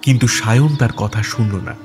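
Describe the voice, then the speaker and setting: Steady male story narrator. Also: mid-range voice, normal speed, soft background music.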